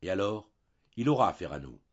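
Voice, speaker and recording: A man's voice: low voice, big pitch swings, a little fast, slightly rough, full character voice. A man voicing a young wife, earnest and stubborn, pleading and insistent, on a dull lo-fi recording.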